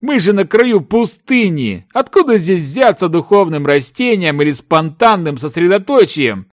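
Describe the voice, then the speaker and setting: A man voicing a grumpy desert merchant who loudly scolds his partner. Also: on the high side, wildly swooping pitch, normal speed, pitched above the performer's own voice. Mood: angry scolding. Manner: loud, shouting, mocking.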